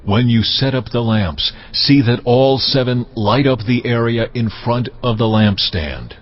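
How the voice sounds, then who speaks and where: A man playing God as a solemn, measured, commanding divine voice in a dramatised scripture reading. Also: medium pitch, lo-fi sound, close to an everyday voice.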